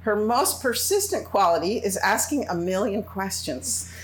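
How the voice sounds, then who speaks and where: A woman hosting an interview, chatty and quick to laugh. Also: medium pitch, very animated. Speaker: host.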